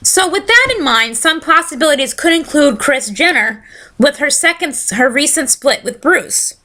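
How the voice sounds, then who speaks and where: A woman hosts a casual solo podcast, talking easily before settling into a steady reading voice. Her voice is a little high, bright and forward, with a slight scratchiness, and she speaks at a normal speed.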